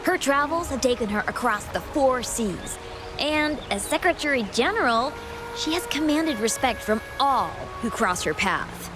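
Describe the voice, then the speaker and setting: Lively, knowledgeable travel guide woman. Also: high voice, measured pace. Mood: admiring. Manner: informative, eager to explain. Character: helpful, knowledgeable female travel guide writer in fantasy town. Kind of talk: video game dialogue. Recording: music behind the voice.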